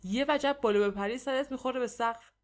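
A timid young husband, voiced by a woman reading a story, who speaks in a casual, cheeky way full of mock complaint. Slightly raised and brisk, a storybook voice. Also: fairly high pitch, natural voice.

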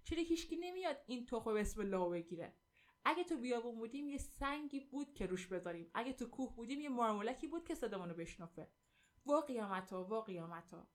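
An old grandmother played by a woman reader calls out long, dragging laments. Her voice stays fairly high, and she stretches her cries slowly. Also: animated, lightly acted. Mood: lamenting. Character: wailing old grandmother shouting from yard.

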